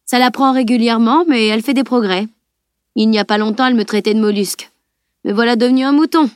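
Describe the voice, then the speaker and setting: A woman's voice: medium pitch, moderate pace, no room sound, studio quality, lightly acted. A woman reading the voice of a wry, teasing teenage boy in an audiobook, mocking and playful.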